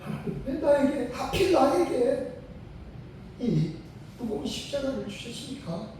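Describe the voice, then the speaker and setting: A man's voice: extremely high pitch, very animated, measured pace, mellow, a little hiss or hum, pitched above the performer's own voice, exaggerated voice. A man voicing a distressed young mother who cries out to God in prayer, heard in a very echoey hall. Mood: pleading. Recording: very echoey sanctuary, mic far off.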